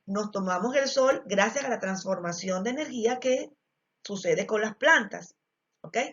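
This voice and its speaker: A woman's voice: medium pitch, animated, normal speed, fairly bright tone. A woman with an Ecuadorian Spanish accent teaching a biology class, explaining step by step with frequent fillers and check-ins to the students. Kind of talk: recorded class lesson. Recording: dull lo-fi recording.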